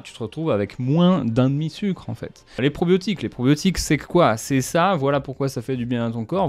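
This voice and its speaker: A man's voice: mid-range voice, no room sound. Slangy French commentary guy. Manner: slangy, punchy asides. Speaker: YouTuber analysing brand marketing. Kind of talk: casual commentary.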